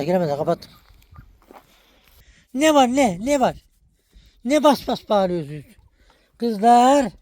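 A man's voice: high-pitched, a little hiss or hum. A man filming a casual village vlog outdoors, chatting and calling to his animals. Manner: coaxing animals with calls and teasing. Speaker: village vlogger.

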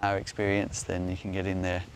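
A middle-aged Australian man explaining things off the cuff in a measured, halting way, recorded outdoors. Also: low voice, monotone, rough recording. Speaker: beekeeper, presenter answering viewer questions. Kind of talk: unscripted explainer talk. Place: outdoors on an open grassy hillside. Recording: outdoor recording with loud background noise.

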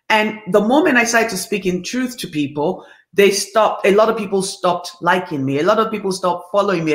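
A woman's voice: medium pitch, roomy sound. Blunt, emphatic woman in her fifties. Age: 50s. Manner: emphatic, preachy, speaks bluntly and animatedly. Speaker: talk show host. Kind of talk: candid motivational monologue. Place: home living room, indoors.

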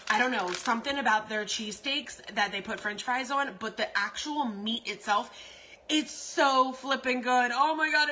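A woman's voice: a little high, bright, forceful tone, a little hiss or hum, rough recording. A woman in her forties chatting casually through a grocery haul in her home kitchen, rambling with lots of ums and repeats. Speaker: vlogger. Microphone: phone camera at arm's length.

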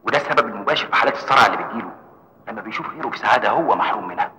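Male actor as a grave, brisk Egyptian expert. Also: lowish voice, expressive, very noisy, lightly acted. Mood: grave, explanatory. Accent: Egyptian Arabic. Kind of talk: Egyptian film drama acting.

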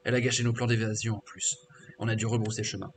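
A man's voice: lowish voice, level tone, quick pace, background noise, close to an everyday voice. A man reading a scornful half-orc ex-slave. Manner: crude, scornful, boastful. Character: bitter defiant male half-orc ex-slave warrior mage. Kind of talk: reading game dialogue aloud.

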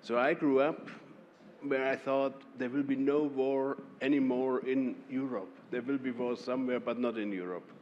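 A man with a German accent talks on a panel in a calm, measured way. He breaks off now and then with a short laugh or a restart. His voice carries a long reverb from a large conference hall, with a faint murmur of ambience behind it. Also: mid-range voice, highs cut off, a little hiss or hum. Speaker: Member of the European Parliament. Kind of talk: panel discussion.

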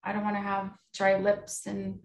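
A woman's voice: medium pitch, monotone, moderate pace, recorded from a distance. A woman in her thirties with an American accent, giving an informal personal talk to an online group as a guest speaker, a little hesitant. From Pueblo of Isleta, New Mexico, USA. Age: 30s. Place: small home room indoors, on a video call. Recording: echoey room on a video call.

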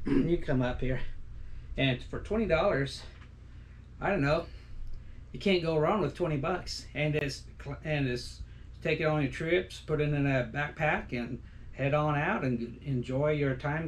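A middle-aged outdoor vlogger chats loosely from a small, decorated room in his home, speaking in a folksy manner full of restarts and fillers. His voice is fairly high and a bit slow, and the recording carries a slight hiss or hum.

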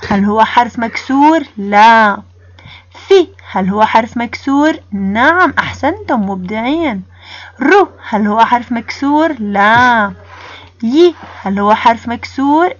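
High-voiced woman teaching first graders. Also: dry recording, muffled recording. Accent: Jordanian Arabic. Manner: slow, drawn-out sounding of letters with call-and-response praise. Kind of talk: first-grade reading lesson.

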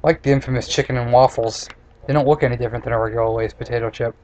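A man's voice: mid-range voice, fairly even intonation, very fast, darkish tone. A man in his twenties talking casually and bluntly, with sarcasm, as he reviews and rants into a webcam. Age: 20s. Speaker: snack reviewer. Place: small room indoors. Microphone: computer webcam at close desk distance. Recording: noisy webcam microphone with room noise.

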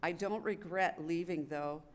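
The older woman's voice is on the low side and a little slow as she reads a wartime letter for a readers theater performance. She uses a gooseneck podium microphone inside a public gallery event room, and the live recording is noticeably noisy.

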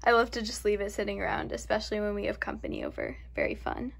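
A woman's voice: medium pitch, huge pitch swings, fast, creaky. A woman chatting casually in a home vlog, playful and self-deprecating as she talks through her day. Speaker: vlogger. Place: at home, bedroom and kitchen.

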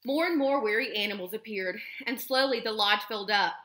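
A woman, a teacher, reading a children's book aloud with expressive, steady storytelling. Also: mid-range voice, brisk. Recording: roomy echo.

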